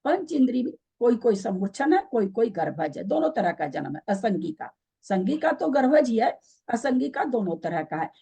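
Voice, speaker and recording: A woman leads an online scripture class, putting questions to her students and explaining patiently. Her voice is mellow and a little husky, with a gravelly edge. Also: fairly high pitch, very animated, moderate pace. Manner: questioning, explaining patiently, repeats key terms. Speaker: Jain scripture teacher.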